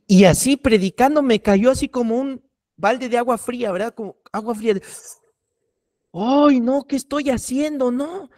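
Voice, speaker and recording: A man's voice: sits high, darkish tone. A middle-aged man, a pastor giving a preaching workshop and repeating key warnings earnestly.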